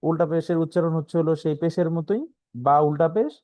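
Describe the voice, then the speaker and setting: Bangladeshi guy teaching quran reading online, kinda high voice, dry close sound, keeps asking "right?". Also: mellow, no room sound. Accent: Bangladeshi Bengali. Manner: explains slowly, often asks "right?", spells letters out. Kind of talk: online lesson.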